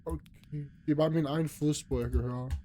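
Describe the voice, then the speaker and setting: A man's voice: a little high, steady tone, dark tone, a little hiss or hum. A young man nervously commentating a horror game, talking to himself and his viewers as he gets scared. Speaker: gaming youtuber.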